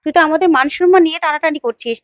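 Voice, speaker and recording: A woman voicing a middle-aged mother who scolds her daughter in a shrill, anguished way. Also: racing, no room sound, muffled recording, lightly acted. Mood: scolding.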